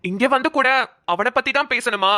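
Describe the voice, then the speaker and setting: A woman's voice: a little high, sharp tone, no echo, clean studio sound. A woman voicing a young man, a shy childhood friend who hesitantly confesses his love. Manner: hesitant, halting speech.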